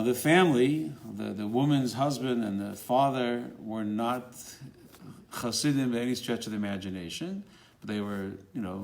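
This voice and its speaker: A man tells a religious story in an unscripted, conversational way, his voice sitting at a middle pitch. He gets animated when he quotes people and stumbles into fillers and restarts now and then. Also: creaky. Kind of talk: spoken storytelling.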